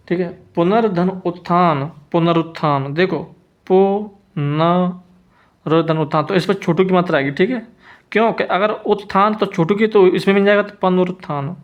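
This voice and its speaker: Male teacher, slightly high-pitched, patient, slowly repeats words, muffled lo-fi recording. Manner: repeats each word slowly, stretching syllables; checks in often with the listener. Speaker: Hindi spelling teacher. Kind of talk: slow spelling lesson.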